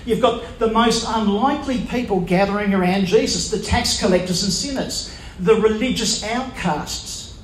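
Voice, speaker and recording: A man preaching a sermon who puts questions to the congregation and lets pauses land for emphasis. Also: high-pitched, slight background noise. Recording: echoey room with faint ambience.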